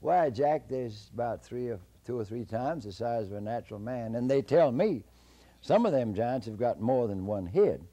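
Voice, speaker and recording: A man's voice: medium pitch, animated, normal speed, dark tone. A man voicing a big, older mountain king, drawling folksily as he bargains. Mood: confiding.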